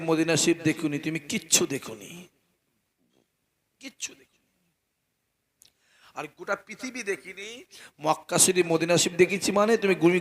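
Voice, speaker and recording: A male preacher at a night gathering, chanting in repeated phrases and calling on the crowd to answer, moving between loud cries and hushed prayer. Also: on the high side. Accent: Bengali. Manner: calls on the crowd for responses. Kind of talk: sermon at a night religious gathering.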